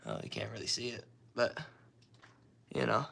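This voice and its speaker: Young male vlogger, hoarse, rambling and casual; drifts off mid-thought. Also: medium pitch, expressive, moderate pace, bright, forceful tone. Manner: rambling, loose and offhand, trails off mid-sentence. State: hoarse, throat-clearing, coughing. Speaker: car hobbyist showing his garage. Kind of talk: casual walkaround vlog.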